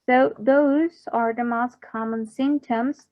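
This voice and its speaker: A woman teacher giving a recorded class and repeating each term slowly so students can copy the pronunciation. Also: fairly high pitch, steady tone, narrow, tinny audio. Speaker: English teacher for health workers. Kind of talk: recorded online class explaining slides.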